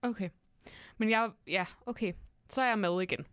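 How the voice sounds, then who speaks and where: A woman's voice: mid-range voice, smooth, no echo, studio quality. A woman co-host chatting casually and questioning her partner skeptically. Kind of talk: casual chat.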